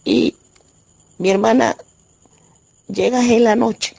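A Panamanian woman gives a halting religious testimony from her bed at home, with many restarts. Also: a little high, fairly even intonation, gravelly, mellow, husky, no echo. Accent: Panamanian Spanish. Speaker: church member giving testimony.

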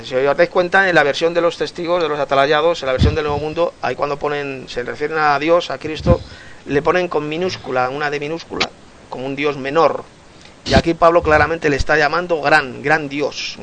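A man's voice: on the high side, noisy background. A man leading a Bible study, explaining passages earnestly and repeating key words for emphasis. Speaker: Bible teacher.

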